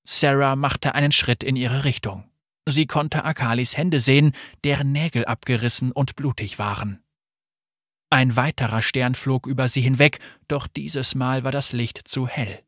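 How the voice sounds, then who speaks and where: Audiobook narrator, measured and steady, close dry read. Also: medium pitch, no echo. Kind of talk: scripted narration.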